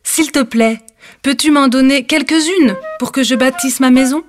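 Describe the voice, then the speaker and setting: A woman's voice: high voice, moderate pace, lightly acted. Lady playing a little storybook piggy, polite but stubborn, punchy no's, light music behind. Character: small polite little pig, brave and stubborn.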